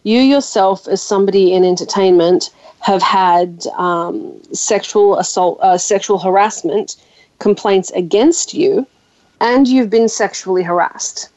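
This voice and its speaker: A hoarse woman hosts a relaxed chat, teasing and joking with her guest. Her voice comes through slightly dull and muffled. The sound is close and dry. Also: mid-range voice, a little slow, no echo. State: hoarse from a sore throat. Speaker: host. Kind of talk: casual chat.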